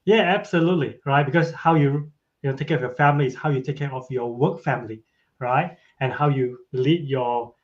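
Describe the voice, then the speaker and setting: Interview guest: man, forties, easygoing and chatty, keeps checking in with "right?", mid-range pitch, dull lo-fi sound. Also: brisk. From Malaysia. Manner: tags sentences with a questioning "right?". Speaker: podcast guest. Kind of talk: casual interview chat. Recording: dull lo-fi audio.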